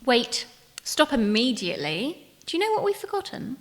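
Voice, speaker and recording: A woman's voice: on the high side, big pitch swings, moderate pace. A young woman, hosting a podcast with her mother, bubbly and teasing, full of slang. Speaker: podcast host, the daughter. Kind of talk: casual chat.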